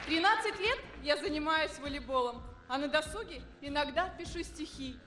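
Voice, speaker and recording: A woman's voice: high voice, expressive, normal speed, a crowd in the background, background noise. A woman in her twenties giving a formal, rehearsed self-introduction as a pageant contestant. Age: 20s. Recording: reverberant hall, faint music.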